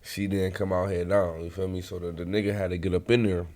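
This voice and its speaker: Guy w a lowish voice and hiccups, earnest storytelling on a podcast. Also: level tone, quick pace, darkish tone. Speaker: podcast host. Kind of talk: casual chat.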